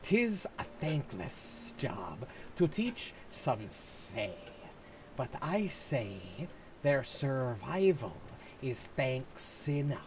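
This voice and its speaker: Man doing a slow, hissing snake voice. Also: mid-range voice, very animated, darkish tone, full character voice. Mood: stern, measured. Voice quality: hissed, drawn-out S sounds. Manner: slow, formal, archaic phrasing. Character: stern serpent-like recruit trainer with a hissing snake voice. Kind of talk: video game dialogue read aloud in character.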